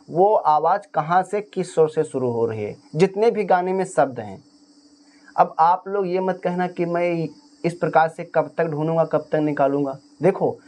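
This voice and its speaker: A man's voice: a little high, a little mellow. A man teaching harmonium in a casual spoken lesson, explaining step by step and singing short phrases to show each note. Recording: faint harmonium music behind. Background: harmonium playing.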